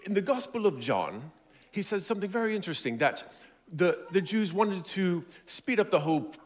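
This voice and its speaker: Watson, a man doing a lively, earnest English army doctor. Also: high-pitched, normal speed. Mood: explaining. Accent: put-on English. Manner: earnest, formal, explaining. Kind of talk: church stage skit.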